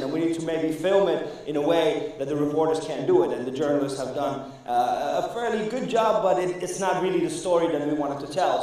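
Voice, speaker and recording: With a fairly high pitch and darkish timbre, an Iranian man chats with the crowd during a live stand-up set at a comedy club, rambling and restarting often amid fillers. His voice comes from far off in an echoing room.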